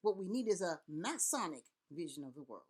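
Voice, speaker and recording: A husky, lowish voice, very animated and a little fast, comes from a middle-aged Haitian woman who serves as a Vodou priest and elder. In an impassioned address to camera she rallies earnestly, repeating words and running through long lists.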